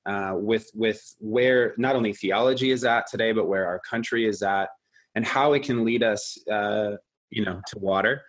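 Man, interviewer, lowish pitch, halting and wordy. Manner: halting, many fillers and restarts. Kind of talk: interview question.

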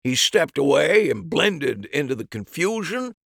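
Storybook amateur sleuth acted by a male narrator: raised pitch, emphatic, swooping explanations. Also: sing-song, measured pace, gravelly, a bit bright, dry recording, studio quality, full character voice. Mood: emphatic explaining.

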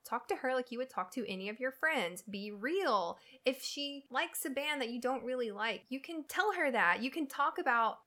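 A woman's voice: on the high side, a bit bright. Blunt, profane woman podcast co-host. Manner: blunt, profane, advice-giving. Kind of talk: casual chat.

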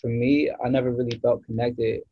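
A man's voice: medium pitch, level tone, fairly quick, breathy edge, lo-fi sound. A man from the US East Coast, a guest musician in a casual podcast chat, rambling and searching for words with many restarts.

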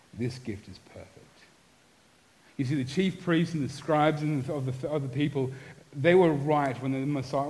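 Male pastor, middle-aged, earnest sermon delivery, mid-pitched voice, swings from lively to hushed. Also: a little hiss or hum, rough recording.

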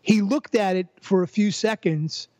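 An older man with a notably high voice speaks as a podcast guest. He reasons aloud, repeating words and restarting as he works toward a point. The sound is dry and close. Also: mellow, no echo. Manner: thoughtful, halting restarts, repeats words while building a point. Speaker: podcast guest, psychologist and former professor. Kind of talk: conversational interview.

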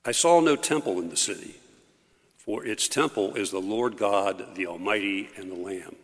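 A man reading scripture aloud at Mass in a measured, formal way, his voice carrying a cathedral echo. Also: on the low side. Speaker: lector. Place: large church. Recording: long church reverb.

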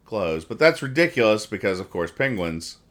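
Fairly low pitched and very animated, a man hosting a laid-back comedy podcast walks through newspaper comic strips aloud. He unpacks each joke haltingly and with rambling, mock seriousness.

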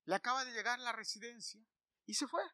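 A man voicing a heartbroken woman landlady in a sermon anecdote, talking in a high, tearful, complaining way. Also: fairly even intonation, fairly quick, sharp tone, no room sound, studio quality, exaggerated voice.

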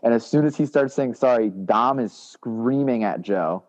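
A man in a relaxed chat, retelling a shared band story from his own memory. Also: medium pitch, normal speed, big-room sound. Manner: laid-back, chiming in and retelling from his side. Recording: dull lo-fi sound.

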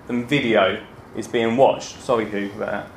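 A man's voice: lowish voice, fairly even intonation, normal speed. Chatty Essex man speaking in an echoey room. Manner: chatty, joking, self-deprecating. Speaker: gardening podcaster and speaker. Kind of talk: informal stage talk to an audience. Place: indoor talk before an audience, roomy space. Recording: echoey room with some background noise.

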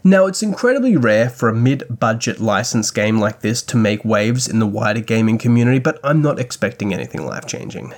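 A man's voice: lowish voice, big pitch swings, a little fast, hardly any pauses. A man hosting a podcast, reading scripted news commentary with dry, wry asides. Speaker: podcast host.

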